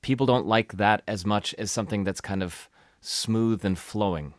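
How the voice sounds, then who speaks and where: A man's voice: on the low side, moderate pace, no room sound, studio quality. A man hosting a podcast interview, asking curious and playful questions. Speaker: podcast host.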